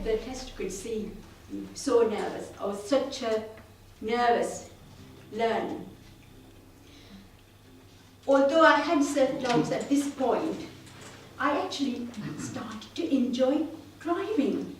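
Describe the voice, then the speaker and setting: In a meeting room, a club speaker from Sri Lanka gives a prepared talk, sharing her story in an earnest, self-deprecating manner. Her voice is a little high, and the distant-mic, roomy-hall recording carries a little hiss or hum.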